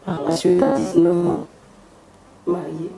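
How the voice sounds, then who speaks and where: A gospel singer from Côte d'Ivoire, her voice fairly low and level, gives a solemn, devotional testimony as an interview guest at her home. She speaks slowly, and the room echoes with crowd noise in the background.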